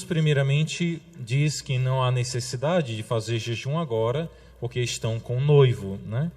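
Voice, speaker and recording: A man with a Brazilian Portuguese accent, a priest giving a sermon, talking conversationally with the congregation and slowing down to stress key phrases. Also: mid-range voice. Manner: conversational preaching with frequent tag questions to the congregation; slows for emphasis on quotations, drops softly at phrase ends.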